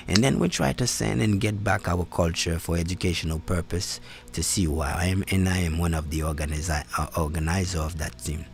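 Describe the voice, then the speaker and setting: A man hosting a live-stream conversation over a call. He talks in a halting way, repeating words and restarting often. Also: low voice. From Haiti. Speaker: host and community organizer. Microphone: phone or call setup.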